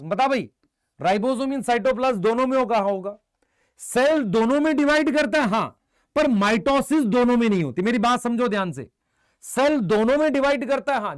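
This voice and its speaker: A man teaching a biology lesson, briskly quizzing his students and answering for them, mixing Hindi with English terms. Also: very high-pitched, no echo, studio quality. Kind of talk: live online exam-prep lecture.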